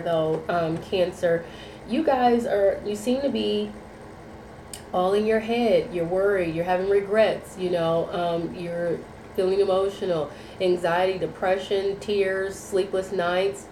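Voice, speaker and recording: This woman reads tarot for viewers while nursing a cold, so she sounds nasal and drifts through repeated phrases and fillers. Her mid-range, mellow voice keeps a fairly even intonation and a measured pace. The recording has echo from the room and faint background noise.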